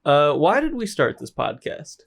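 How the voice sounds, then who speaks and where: A man's voice: a little high, sing-song, normal speed, vocal fry, a bit bright. A man co-hosting a casual movie podcast, joking and laughing often between lines. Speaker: podcast co-host. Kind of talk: casual chat.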